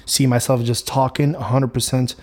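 A young Moroccan man whose first language is Arabic hosts a casual solo podcast, speaking with a Moroccan accent and rambling through it with plenty of restarts and fillers. His mid-range voice is level and darkish, at a moderate pace.

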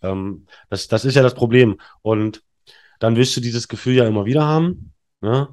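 A man in his thirties, appearing as a podcast guest, tells candid stories in a rambling way, full of fillers and restarts. His medium-pitched voice is a little mellow and moves at normal speed.

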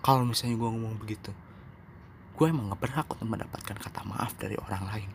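A young man hosting his own podcast, talking candidly and rambling, now calm, now emphatic and self-mocking. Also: fairly low pitch, fast talker, vocal fry, slight background noise. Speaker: podcast host. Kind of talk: casual solo podcast monologue.

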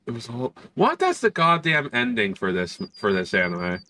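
A man's voice: medium pitch, wildly swooping pitch, normal speed, sharp tone, a little hiss or hum. A man chatting casually as a host reacting to a cartoon, sweary and incredulous.

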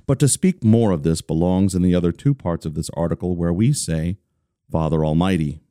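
A man giving a measured, deliberate reading of a religious catechism. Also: deep voice, clean tone, no room sound, studio quality. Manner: deliberate, steady, slowing on listed phrases. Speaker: reader of a devotional text.

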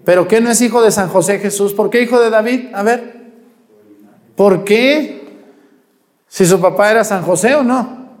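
Animated high-voiced preacher in a hall. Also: male voice, normal speed, pauses often. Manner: asks the congregation questions and answers them himself, animated. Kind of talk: sermon.

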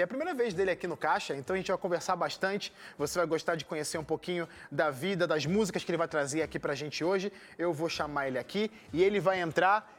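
A man with a Carioca accent from Rio, presenting a music show in a conversational style. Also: high-pitched. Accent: Carioca Brazilian Portuguese. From Rio de Janeiro, Brazil.

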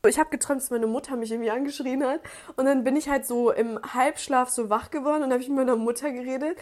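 A young woman chats casually in a quick, slangy way while recounting things she has seen. Her voice is fairly high. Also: fairly even intonation, a little mellow, slight background noise. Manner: chatty, slangy, quick retelling. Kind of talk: casual chat.

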